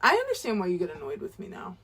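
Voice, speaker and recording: A woman's voice: on the low side, huge pitch swings, fast talker, a bit bright, husky, faint music behind. A woman in her twenties, an author rambling casually to camera in a chatty, self-deprecating way. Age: 20s. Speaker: author and vlogger.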